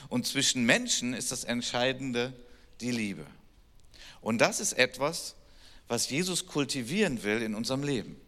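A man preaching a sermon, animated and emphatic, drawing out key words slowly. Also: mid-range voice. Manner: animated, emphatic preaching with slow drawn-out stresses. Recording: long church-hall reverb.

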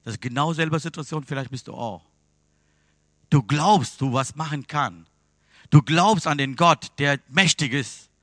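A man preaching a sermon to a congregation in with broken grammar, earnest, swinging between loud urging and quiet pleading. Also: a little high, a little slow, dry recording.

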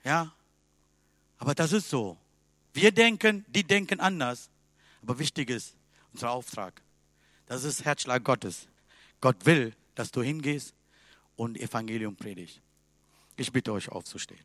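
Man preaching, bright and dry. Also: medium pitch, lively intonation, measured pace, pauses often, dry recording. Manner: non-native German, intense, rising to loud exhortation. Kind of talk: sermon and closing prayer.

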